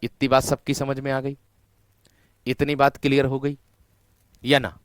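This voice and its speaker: A man teaches an online class at a slow, unhurried pace, dragging out key words and saying them again and again. His voice is smooth and clear. It sits close and dry on the mic. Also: mid-range voice, little pitch movement, dry recording. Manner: repetitive, drawn-out stressing of key words; often addresses students as "my friend". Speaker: Hindi teacher for exam prep.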